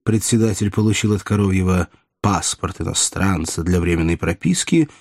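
A man reading a novel aloud in a lively, expressive storytelling manner. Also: low-pitched, normal speed, creaky, no echo, clean studio sound. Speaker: narrator. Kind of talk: audiobook reading.

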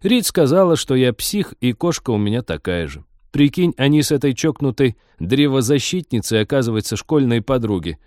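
A man voicing a brash, tipsy young spaceship pilot who talks slangy and loud. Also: mid-range voice, big pitch swings, moderate pace, hardly any pauses, dry recording, studio quality, voice pushed up, natural voice. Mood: smug. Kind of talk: audiobook character voice.

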